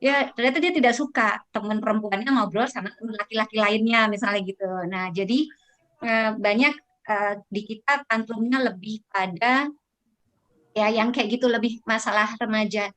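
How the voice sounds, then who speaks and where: A woman's voice: fairly high pitch, normal speed, fairly bright tone, rough recording. A woman who heads a vocational academy, explaining things on a webinar panel in a chatty way, with many fillers and restarts.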